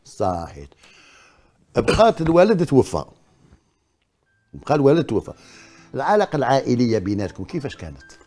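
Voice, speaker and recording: A man's voice: mid-range voice, huge pitch swings, fairly quick, long pauses, dark tone, faint music behind. An older man with an Algerian accent hosting a studio talk show, asking insistent, probing questions and often repeating them.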